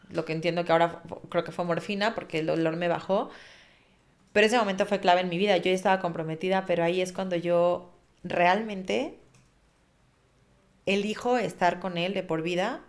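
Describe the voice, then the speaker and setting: A woman, a podcast guest, earnestly recounting a personal story and vividly acting out what people said. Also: on the low side.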